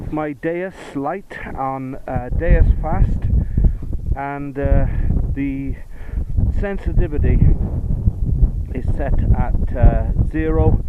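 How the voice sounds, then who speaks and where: A man giving casual, hesitant field commentary as a metal detecting host, musing aloud outdoors. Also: fairly high pitch. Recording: muffled audio with outdoor background noise.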